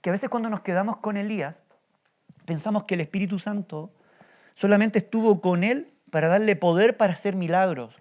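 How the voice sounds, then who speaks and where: A man's voice: high voice, brisk, darkish tone. A male pastor preaching a sermon, telling a story with energy and often asking the congregation rhetorical questions. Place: church.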